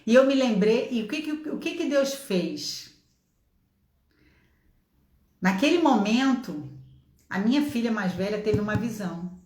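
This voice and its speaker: A middle-aged woman with a Brazilian accent preaches with fervor and exhortation. Her voice sits a little high. Her home office gives it a noticeable echo. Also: expressive, unhurried, long pauses. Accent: Brazilian Portuguese. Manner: passionate, exhorting, acts out shouts and dialogue. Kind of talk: sermon with personal testimony.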